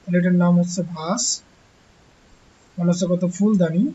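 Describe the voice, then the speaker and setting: A teacher gives an online textbook lesson to young pupils. The teacher asks rhetorical questions and answers them, slowly repeating key words. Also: medium pitch, steady tone, mellow, lo-fi sound, slight background noise.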